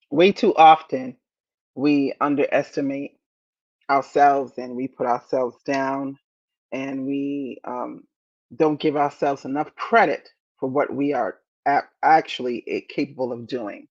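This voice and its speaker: Motivational host, woman in her fifties; slow and deliberate, repeats her points, slightly dull lo-fi recording. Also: a bass voice, darkish tone. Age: 50s. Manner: deliberate, repeats key phrases, encouraging. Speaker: podcast host. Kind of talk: motivational podcast talk.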